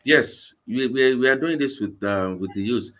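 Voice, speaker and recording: A man's voice: medium pitch, normal speed, fairly bright tone. A man in his forties with a Nigerian English accent, a guest in a live video-call interview, talking earnestly and often repeating words. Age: 40s. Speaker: guest, vegan campaign organizer.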